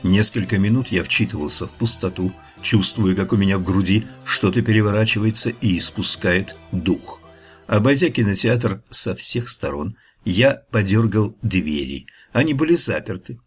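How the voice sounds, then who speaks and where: A man narrating a first-person noir audiobook with expressive, dramatic storytelling. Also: lowish voice, moderate pace, slightly rough. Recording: faint music behind the voice.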